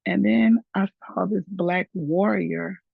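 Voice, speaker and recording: A middle-aged woman with a hoarse voice, chatting warmly and laughing between thoughts in an online group. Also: mid-range voice, fairly even intonation, slow pace, dry recording. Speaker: group member sharing. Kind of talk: casual sharing in an online group. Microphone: video call. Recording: dull lo-fi video call audio.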